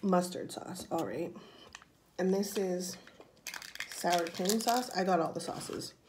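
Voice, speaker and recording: A vlogger in her thirties eats on camera at a table in an indoor room, chatting casually about food in a mukbang tasting and talking while she chews. Her voice is on the low side, slow and a little mellow, with slight background noise.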